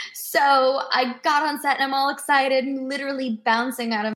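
Animated young woman telling stories. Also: sits high, a little slow. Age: 20s. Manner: animated storyteller, acts out quoted dialogue. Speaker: guest actress. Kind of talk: remote interview chat.

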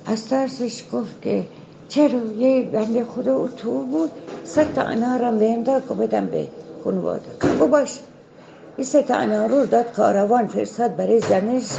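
A woman storyteller tells a folktale in a relaxed, chatty way and drops in asides to the listener. Her voice is mellow and gravelly and sits fairly high, with a faint hiss behind it. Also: rough recording. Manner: conversational, with side remarks to the listener. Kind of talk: oral folktale telling.

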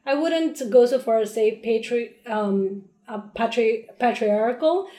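A woman's voice: a little high, measured pace, echoey room. A woman from Peru, a spirits brand founder, chatting animatedly as an interview guest with plenty of fillers. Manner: animated, playful, many fillers. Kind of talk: casual interview chat.

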